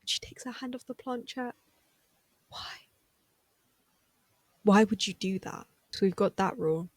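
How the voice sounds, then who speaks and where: Woman host, chatty TV recap, excitable asides, mid pitch, dry close sound. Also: measured pace, no echo. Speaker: recap vlogger. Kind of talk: casual TV recap chat.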